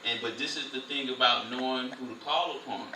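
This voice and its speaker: Bright-voiced man preaching in a roomy hall. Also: medium pitch, brisk. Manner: lively, conversational, animated preaching. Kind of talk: informal Bible study teaching. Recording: roomy, distant, faint noise.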